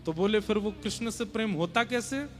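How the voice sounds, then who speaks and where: A man's voice: high voice, moderate pace, a bit bright, faint music behind. A young man giving a devotional sermon to a seated audience in a large hall, chanting verses and earnestly urging everyone to listen closely. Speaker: kathavachak preacher.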